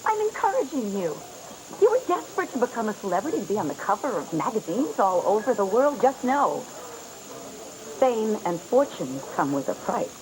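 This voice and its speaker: A woman's voice: medium pitch, very animated, moderate pace, natural voice, low-quality recording. An actress playing a cold, manipulative woman who threatens and belittles a younger woman in a soap opera. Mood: mocking. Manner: icy, condescending, threatening. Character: cold scheming manipulative woman, menacing and commanding. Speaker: scheming woman using a false name. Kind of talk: 1980s soap opera acting. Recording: TV soap audio with loud music.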